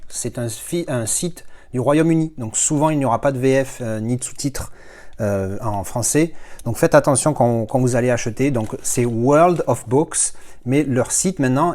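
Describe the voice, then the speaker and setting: A man's voice: mid-range voice, darkish tone. A man from talking casually through an unboxing, rambling with frequent fillers and restarts. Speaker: collector unboxing films.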